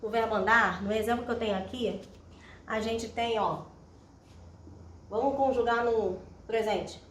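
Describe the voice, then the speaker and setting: A woman's voice: a little high, measured pace. Distant Brazilian woman teaching in an echoey room. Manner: patient, explains step by step, checks in with "tá?". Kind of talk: recorded classroom grammar lesson at a whiteboard. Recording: roomy echo, distant mic, faint hiss.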